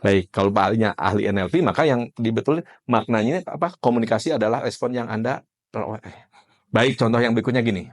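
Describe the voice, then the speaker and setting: A man's voice: mid-range voice, quick pace. A man giving a conversational classroom lecture as an NLP trainer, quizzing participants by name and explaining with everyday examples.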